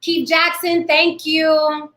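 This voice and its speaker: A blunt, animated woman in her forties hosts a live online panel from home. Her voice sits high and bright. The webcam sound picks up the echo of a small room. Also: slow pace. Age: 40s. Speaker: host.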